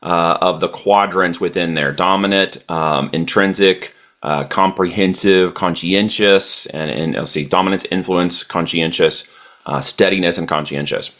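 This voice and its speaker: Deep-voiced man explaining business strategy. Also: unhurried, fairly bright tone. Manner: confident, emphatic business talk with frequent fillers. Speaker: e-commerce entrepreneur guest. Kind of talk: podcast interview answers.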